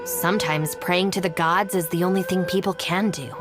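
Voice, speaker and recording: A woman's voice: lowish voice, fairly even intonation, moderate pace, music in the background, lightly acted. A woman voicing a cool, practical young woman in a video game, with a dry, businesslike, matter-of-fact delivery. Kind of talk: English game voice acting.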